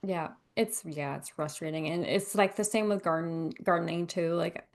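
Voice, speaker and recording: A woman's voice: lowish voice, normal speed. A woman guest in a casual interview, animatedly retelling events and acting out quotes. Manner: animated storytelling with acted-out quotes. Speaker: guest, gardener.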